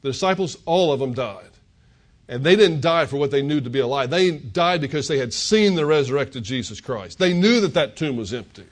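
A man's voice: mid-range voice, lively intonation, fairly quick. An older man preaching a sermon, retelling scripture as a story and voicing the characters' words. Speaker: pastor.

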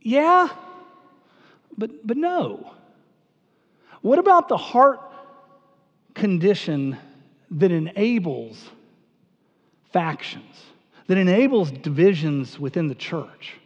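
A man's voice: high voice, sing-song, takes it slowly, pauses often. A man preaching a sermon to a congregation, earnest and questioning, often repeating his words as he goes. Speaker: pastor. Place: church sanctuary. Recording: dull sound with a long hall reverb.

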